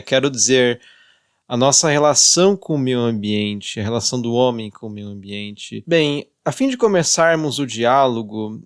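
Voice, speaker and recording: A man from Brazil hosting a podcast, reading a scripted introduction and asking questions in a measured, formal way. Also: medium pitch, no room sound, clean studio sound. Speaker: podcast host.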